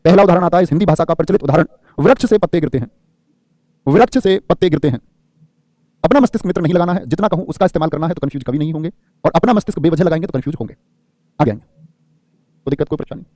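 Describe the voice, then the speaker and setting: A man's voice: fairly high pitch, rapid-fire, pauses often, dark tone, no room sound, studio quality. A man teaching grammar in a classroom lecture, firing rhetorical questions and playing the students' answers himself, often calling his listeners friend.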